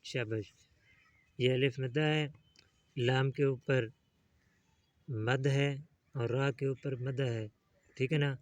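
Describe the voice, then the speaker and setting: A man teaching a child to read the Quran in a one-on-one lesson. He is patient and coaxing, and drags out each letter name slowly when he models it. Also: mid-range voice, steady tone. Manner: patient, coaxing, calls the student "beta".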